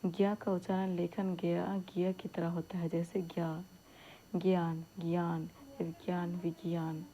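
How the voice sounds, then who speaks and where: Slow, soft-toned woman teaching grammar. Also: fairly low pitch, flat delivery, low-quality recording. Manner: slow, deliberate, repeats each example word. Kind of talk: exam-prep grammar lesson.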